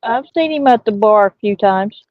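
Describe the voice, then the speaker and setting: A woman co-hosting a livestream, chiming in quickly and teasing. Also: medium pitch, expressive, no echo, narrow, tinny audio. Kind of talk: casual livestream chat.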